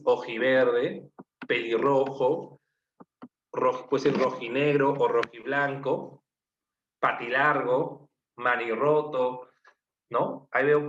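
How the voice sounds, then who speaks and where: A man's voice: medium pitch, fairly bright tone. Peruvian male teacher, quizzes the class and repeats answers, in a roomy room with dull sound. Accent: Peruvian Spanish. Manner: asks the class questions, repeats answers, lists examples. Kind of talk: online class lecture. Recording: muffled, echoey room, faint noise.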